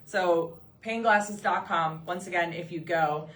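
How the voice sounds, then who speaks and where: A woman's voice: on the low side, a little slow, fairly bright tone. Bubbly middle-aged woman hosting live. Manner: bubbly, enthusiastic, talks straight to viewers. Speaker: co-host of a live eyewear show. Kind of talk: live product show chat.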